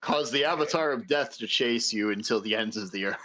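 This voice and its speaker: A man's voice: mid-range voice, brisk, pushed and bright, poor audio. A man playing a tabletop game in casual chat, with a dry, teasing humor. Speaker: player.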